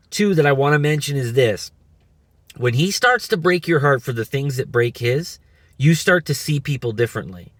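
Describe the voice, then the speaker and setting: A man's voice: fairly high pitch, no room sound. Earnest guy telling a faith story, lots of restarts, dry close sound. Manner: earnest, repetitive, many restarts. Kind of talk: personal testimony and exhortation.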